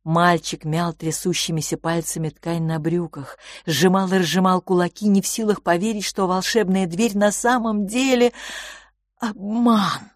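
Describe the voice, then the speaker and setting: Low-voiced woman reading a storybook. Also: fairly even intonation, moderate pace, no room sound, studio quality. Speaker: audiobook narrator. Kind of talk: scripted storybook narration.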